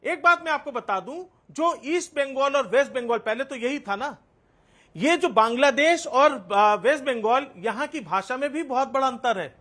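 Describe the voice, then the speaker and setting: A man's voice: very high voice, expressive, normal speed, fairly bright tone. A man, speaking as a political panelist in a heated TV debate, pressing his point with repetitions and hesitant fillers. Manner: insistent, repeats himself, hesitant fillers.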